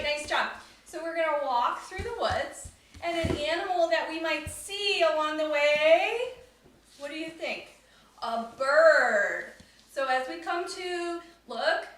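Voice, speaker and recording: Woman yoga instructor for kids, bright high voice, recorded from a distance in an echoing room. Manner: upbeat, instructive, talks to children. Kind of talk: guided kids yoga class.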